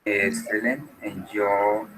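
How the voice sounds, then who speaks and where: A man's voice: fairly low pitch, fairly even intonation, very slow, fairly bright tone, a little hiss or hum, poor audio. A man teaching an English class who explains patiently and switches between Spanish and English.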